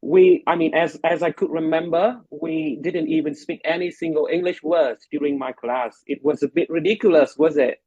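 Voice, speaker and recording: This is a man with a Vietnamese accent, a medical lecturer and English tutor hosting a casual chat to introduce things conversationally. His voice sits a little high, darkish and husky, with a steady tone at a moderate pace and hardly any pauses, though he hesitates with frequent fillers and restarts. There's no room sound and the audio is dull.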